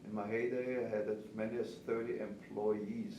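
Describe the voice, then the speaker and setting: This veteran pastry chef and cake instructor, a man in his 70s whose first language is German, speaks with an Austrian accent while chatting through interview questions. His pitch is fairly low, his delivery flat and his pace moderate, with the high frequencies cut off. The sound is distant, roomy and noisy.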